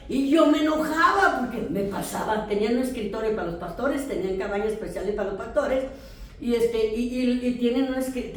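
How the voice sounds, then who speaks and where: Mexican woman pastor in an echoey hall. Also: on the high side. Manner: animated storytelling, addressing listeners directly. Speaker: pastor teaching a class. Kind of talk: sermon-style teaching with testimony. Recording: very echoey room, distant mic.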